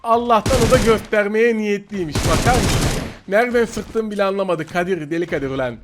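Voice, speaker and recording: High-pitched excitable man over loud gunfire. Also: fairly quick, heavy background noise. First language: Turkish. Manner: excitable, swings into shouting frustration. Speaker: gaming YouTuber. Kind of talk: live gameplay commentary. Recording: loud gunfire from the game behind. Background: game gunfire and clicks.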